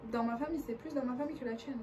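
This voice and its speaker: A young woman with a fairly high voice chats and giggles through a casual couple Q&A, often cutting in over her partner. She sits some way from the mic, and a clear background hiss runs under her voice. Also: rapid-fire, far from the mic. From France. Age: young adult. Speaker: co-host. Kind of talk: casual chat.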